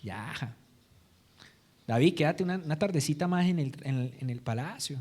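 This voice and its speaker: A preacher voicing Satan as a male tempter spirit, speaking softly and coaxingly to make wrongdoing sound harmless. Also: a little high, animated, moderate pace, husky.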